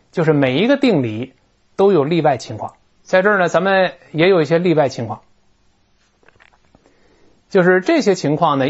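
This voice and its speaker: A teacher giving a recorded grammar lecture, animated and explanatory, drawing words out slowly to model how they sound. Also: mid-range voice. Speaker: English teacher. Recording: dull lo-fi recording.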